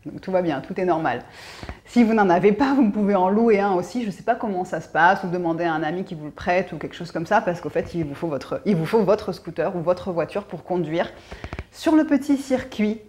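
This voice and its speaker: A woman's voice: lowish voice, lively intonation, a little fast, darkish tone. A woman from France, chatting casually to camera as a vlogger, telling a story with lots of fillers and restarts. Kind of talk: casual chat.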